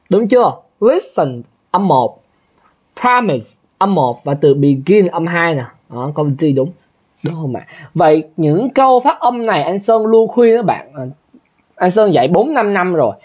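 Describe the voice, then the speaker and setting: A man teaches an exam review in a chatty way, often checking that listeners follow. His pitch swings widely and his voice sounds husky. The recording is dull and lo-fi. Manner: chatty, keeps asking listeners to confirm. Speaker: English teacher.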